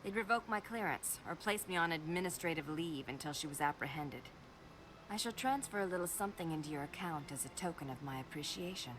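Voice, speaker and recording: A cool, scheming alien diplomat. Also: female voice, sits low, lively intonation, brisk, noisy background. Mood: calculating. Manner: smooth, calculating, condescending.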